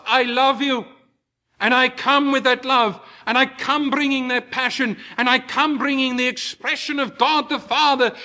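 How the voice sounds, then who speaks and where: A man preaching a sermon to his congregation, slow and emphatic, rising into impassioned peaks. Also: extremely high pitch, sharp tone.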